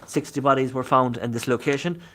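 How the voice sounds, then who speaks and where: On a live vlog, a paranormal investigator from Galway shows historic sites, talking in a loose, rambling way and circling back to the same points, all in a west of Ireland accent. His mid-range voice is a bit bright, fairly quick and fairly even in intonation, with a little hiss or hum in the audio.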